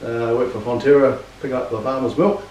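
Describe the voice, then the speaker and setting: A man's voice: medium pitch, fairly even intonation, quick pace, darkish tone, distant mic. A man in his sixties with a New Zealand accent, chatting casually a little way from the camera. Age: 60s. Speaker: hunting guest. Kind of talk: casual chat. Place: small plain room indoors. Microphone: camera a couple of metres away. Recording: roomy, off mic, faint hiss.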